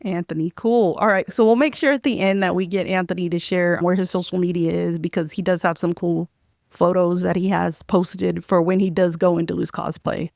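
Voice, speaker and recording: A woman's voice: on the low side, steady tone, fairly quick, vocal fry, darkish tone, no room sound, studio quality. A woman hosting a podcast, chatting in an upbeat, enthusiastic way with her guest. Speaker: podcast host. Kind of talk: casual interview chat.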